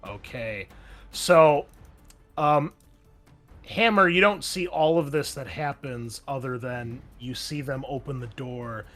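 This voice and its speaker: Over voice chat, a young man serves as game master for a tabletop game, narrating combat in a loose, chatty way with lots of ums and uhs. His voice is medium in pitch and a bit bright.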